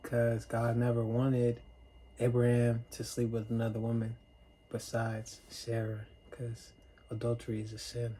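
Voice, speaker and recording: A man casually retelling a Bible story as a sermon, in plain everyday speech and clearing his throat now and then. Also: mid-range voice, monotone, measured pace, warm tone, a little hiss or hum, rough recording. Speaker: preacher.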